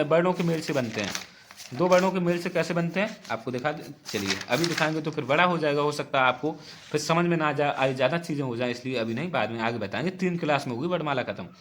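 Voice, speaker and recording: Guy teaching grammar for exam prep, bit high voice, keeps repeating stuff and asking the class questions. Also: a bit bright. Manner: explains patiently, repeats points and asks the class questions.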